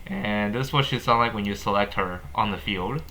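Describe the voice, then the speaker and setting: A man hosts a gaming video, giving casual commentary on updates in a halting way, often repeating and rephrasing himself. His voice is fairly low, pushed and bright, with slight background noise.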